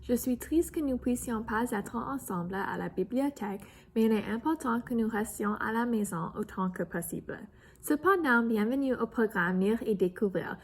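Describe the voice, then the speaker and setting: A woman librarian hosting a children's storytime, reading a picture book aloud in a slow, gentle manner from home. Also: on the high side, a little hiss or hum.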